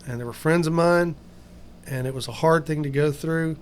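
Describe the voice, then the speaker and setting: A man's voice: on the high side, moderate pace, slight background noise. A man hosting a casual podcast, talking in a folksy, upbeat way. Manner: folksy, upbeat sign-off talk. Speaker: podcast host.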